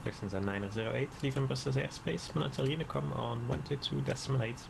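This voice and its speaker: Very creaky, fast-talking male air traffic controller. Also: medium pitch. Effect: aviation radio transmission. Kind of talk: clipped air traffic radio instructions. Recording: noisy air traffic radio channel.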